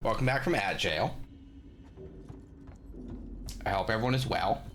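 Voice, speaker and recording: A man's voice: fairly low pitch, lively intonation, measured pace, a bit bright, slight background noise. A young man from Western Canada giving casual live commentary as a game streamer, hesitant, with frequent ums and dry asides.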